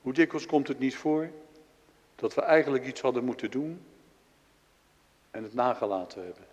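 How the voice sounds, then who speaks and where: A man preaches in a church, his voice carrying a long reverb through the large hall. He tells the story dramatically, acting out the characters' lines. He swings from loud to quiet. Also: medium pitch, expressive, normal speed. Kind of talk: sermon.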